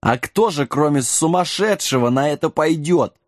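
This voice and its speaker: A man's voice: a little high, animated, normal speed, no echo, studio quality, pitched above the performer's own voice, natural voice. A man voicing a small, frightened, drunk bearded gnome who stammers, in a storybook reading. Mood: scared, pleading. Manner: stammering, drunkenly tongue-tied.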